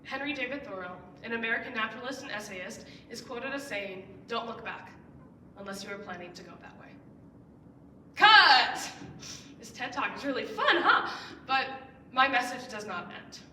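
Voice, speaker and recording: A young woman in her late teens, a student, gives a persuasive speech from a school stage, her voice a little high, fairly quick, pushed and bright. She speaks earnestly, lifting key words with emphatic rising stresses. The recording has a roomy echo, she sounds some distance away, and there's a faint hiss or hum.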